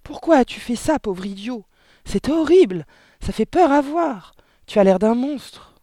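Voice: medium pitch, animated, a little fast, warm tone, dry recording, voice pushed up, lightly acted. A reader voicing a hysterical middle-aged mother who shrieks and scolds her husband in an audiobook. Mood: shrieking. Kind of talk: audiobook reading.

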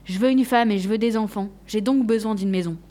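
A woman voicing a boy who grows into a tired old man, read in a quieter, lower tone. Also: brisk, close to an everyday voice. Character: boy growing into a weary old man, always wanting more.

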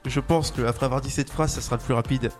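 A young man hosting a live quiz on student radio, playful and quick to laugh. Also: medium pitch, fairly even intonation, faint music behind. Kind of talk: live radio game show banter.

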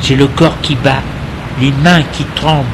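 A man reading a first-person story aloud in a slow, intimate, tense way. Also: mid-range voice, fairly even intonation, noisy background.

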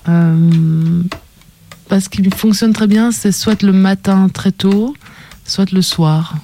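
A woman's voice: mid-range voice, slow pace, dark tone, a little hiss or hum. A woman writer as a radio guest, giving short thoughtful answers with hesitant fillers. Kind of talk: casual radio interview.

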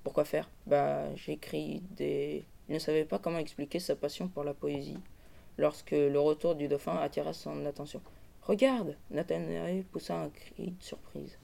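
A man with a very gravelly, rather high voice presents a novel on a radio show. He reads a long excerpt aloud, then hesitates and pauses often while giving his opinion. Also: little pitch movement, dark tone. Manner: hesitant, many fillers. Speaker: book columnist. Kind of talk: book review with read-aloud excerpt.

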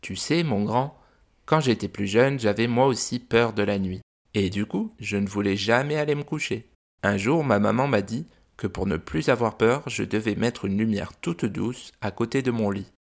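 A man's voice: on the low side, normal speed. A man voicing a friendly zebra telling a childhood story in a children's audio tale. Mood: storytelling.

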